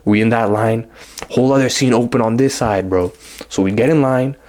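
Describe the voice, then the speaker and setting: A young man telling a story in a relaxed, rambling way, thick with slang. His voice sits in an ordinary middle pitch. He keeps acting out the lines of the people in his story. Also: fairly quick. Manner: slang-heavy, rambling, acts out quotes. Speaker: vlogger. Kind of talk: casual storytime.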